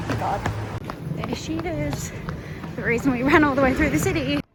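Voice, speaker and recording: A woman's voice: high-pitched, moderate pace. A young woman vlogging casually while running, out of breath as she talks. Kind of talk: casual vlog check-in. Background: music.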